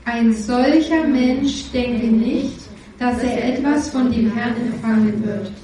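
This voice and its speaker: A woman's voice: a little high, slow, mellow, a little hiss or hum. A woman interpreting a sermon into German, steadily repeating each line after the preacher. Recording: echoey hall, distant mic.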